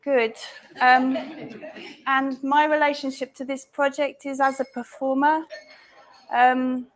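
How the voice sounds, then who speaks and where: A woman introduces herself as a dancer on a live panel. Her voice sits high, and she speaks at an unhurried, measured pace. She is deliberate and hesitant, with frequent pauses as she gathers her words. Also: little pitch movement. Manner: slow, deliberate and hesitant, with many ums. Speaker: dancer and facilitator. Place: live talk event before an audience.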